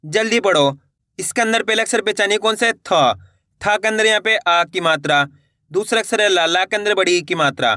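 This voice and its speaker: A man's voice: high-pitched, moderate pace, bright, forceful tone, no room sound, studio quality. A man teaching Hindi reading, who sounds out words syllable by syllable and encourages his viewers to keep trying. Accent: Hindi (Indian). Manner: stretches each word syllable by syllable, then repeats it; encouraging, addresses viewers as friends. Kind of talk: slow word-by-word reading lesson.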